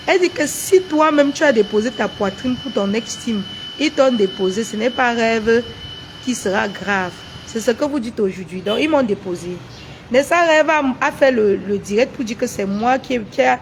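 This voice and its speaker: A woman's voice: fairly high pitch, expressive, normal speed, a little hiss or hum. A woman on a casual livestream, taunting her rivals with repeated rhetorical questions. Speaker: social media livestreamer.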